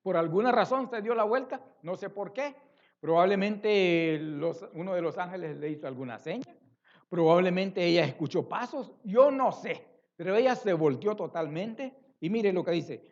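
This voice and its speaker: A man's voice: high-pitched, lively intonation, normal speed, darkish tone, muffled recording. A man preaching a sermon as pastor, speaking expressively with rhetorical questions and repeated phrases. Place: church.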